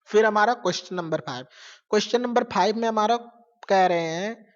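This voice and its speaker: A man's voice: high-pitched, fairly quick. A male teacher explains science in a casual, conversational lecture. He keeps asking questions and answering them himself, repeating key terms. The recording sounds dull and lo-fi, and the voice trails off into a long echo. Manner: casual, mixes English terms into Hindi. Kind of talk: classroom lecture. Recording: lo-fi with long reverb.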